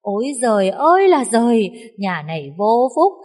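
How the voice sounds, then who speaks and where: A woman's voice: very animated, moderate pace, a little mellow. A woman voicing a bossy, scolding older mother-in-law in a reverberant recording. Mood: scornful. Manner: shrill scolding. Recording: long reverb.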